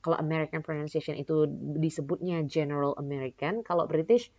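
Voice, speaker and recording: Young indonesian woman teaching pronunciation, lowish voice, keeps asking her own questions, kinda dull lo-fi sound. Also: brisk, a little mellow. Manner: explains in two languages, asks and answers her own questions, many "ya kan" tags. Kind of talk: recorded lesson mixing Indonesian and English. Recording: dull lo-fi recording.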